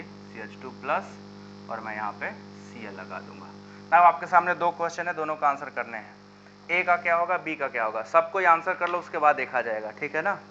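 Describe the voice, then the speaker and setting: A man's voice: on the high side, sharp tone. A man teaching a live online chemistry lesson, into his talk and urging students to answer in the comments. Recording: dull lo-fi sound with faint hum.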